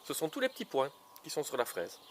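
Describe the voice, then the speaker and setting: Guy out in his garden planting veggies, fairly high voice that bounces all over, playful guessing games, faint birds around. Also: huge pitch swings, fast talker, a little hiss or hum. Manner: playful, teasing guessing games, many fillers. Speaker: gardener showing his vegetable patch. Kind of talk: casual gardening show for children. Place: outdoor garden.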